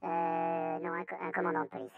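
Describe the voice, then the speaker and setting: A man's voice: sits high, lively intonation, fairly quick, creaky, smooth, narrow, tinny audio. A man from France, a mystery guest on a radio quiz, giving short, hesitant, modest replies. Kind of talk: radio game show answers.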